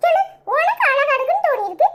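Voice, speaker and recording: A woman voicing a sharp-tongued young daughter in a cartoon, teasing and scolding with a Tirunelveli accent. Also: very high voice, sing-song, quick pace, background noise, voice pushed up. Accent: Tirunelveli Tamil.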